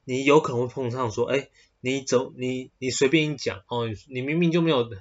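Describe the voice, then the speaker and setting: Husky Taiwanese-accented man, rambling. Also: mid-range voice, steady tone, brisk, highs cut off. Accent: Taiwanese Mandarin. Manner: rambling, with many hesitant fillers and restarts. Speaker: podcast host. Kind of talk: casual solo podcast talk.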